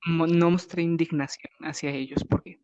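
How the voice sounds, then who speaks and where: A young adult podcast co-host with a northern Mexican Spanish accent, telling a party story in slangy, animated casual chat and acting out what people said. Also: mid-range voice, moderate pace, no echo. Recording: dull, dry lo-fi podcast audio.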